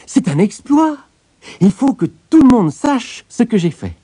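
A cocky little tailor from a storybook, as a man puts him on, piping far above a normal man's voice. He talks in perky, excitable bursts with a lively, bouncing pitch. Soft music plays faintly behind. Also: a little slow, breathy edge, no room sound, studio quality, heavily acted. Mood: triumphant. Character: small boastful young male tailor, cheeky. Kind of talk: storybook character voice.

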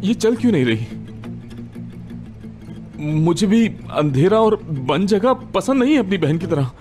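An actor playing a jumpy, claustrophobic man in his thirties in a dubbed TV drama, excitable and whiny. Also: high-pitched, a little slow, faint music behind. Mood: nervous. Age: 30s. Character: jumpy claustrophobic man panicking, boastful but fragile.

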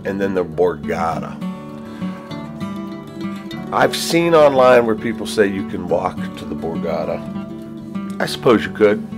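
A middle-aged man casually touring a casino hotel and giving practical travel tips on a handheld phone camera. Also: low voice. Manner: chatty, easygoing, practical tips. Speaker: travel vlogger. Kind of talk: casual walking tour and review. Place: hotel casino and hotel room, indoors.

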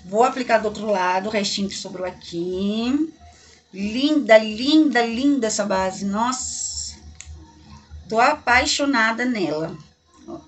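A woman from Brazil talks straight to her viewers as friends while trying on makeup in her bedroom. Her voice sits a little high, and she gushes and chats freely in a casual beauty-vlog style. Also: a little slow. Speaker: beauty vlogger. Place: bedroom at home. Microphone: camera mic in a bedroom.

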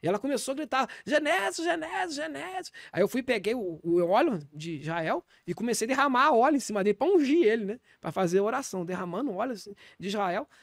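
A man with a Brazilian Portuguese accent playing a shameless self-styled apostle in a deadpan comic podcast monologue, rambling with preachy asides. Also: very high-pitched, fast talker, few pauses, no room sound, studio quality. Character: brash, shameless male pastor calling himself apostle.

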